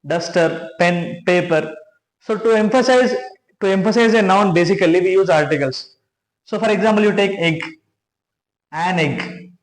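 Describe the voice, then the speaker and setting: A man teaching grammar, explaining step by step with many restarts and frequent checks of "right?". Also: high-pitched. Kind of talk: classroom grammar lesson. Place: classroom with a board. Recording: echoey room.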